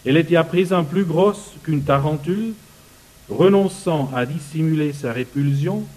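A man reading book passages aloud and commenting on them, often halting to search for words. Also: medium pitch, a little mellow, low-quality recording.

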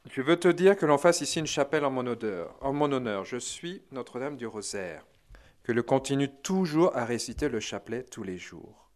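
A serene, motherly Virgin Mary who asks more than she commands, voiced by a man barely shifting his voice. Her words come calm and pleading at a middle pitch, within a retold religious story. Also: normal speed, natural voice. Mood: gentle pleading.

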